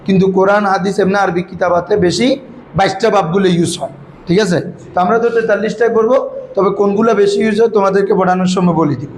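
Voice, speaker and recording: A man with a high voice leads an Arabic grammar lesson in call-and-response style, firing questions for students to repeat back. He is recorded in an echoey classroom. Faint noise sits behind him. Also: steady tone, fast talker, darkish tone. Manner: prompts students to repeat answers, calls them "babara". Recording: echoey room with background noise.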